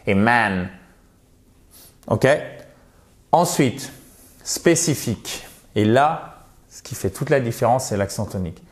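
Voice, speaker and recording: A man teaching English pronunciation in an online lesson, patient and friendly, modelling words slowly and checking in often. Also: medium pitch, expressive, darkish tone.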